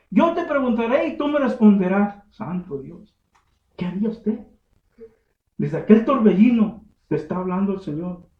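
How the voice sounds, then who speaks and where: Male Mexican pastor, sermon in a small church, animated delivery, muffled roomy recording. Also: high-pitched. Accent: Mexican Spanish. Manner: swings from quiet musing to loud preaching; asks the congregation questions directly. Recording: echoey, dull church recording.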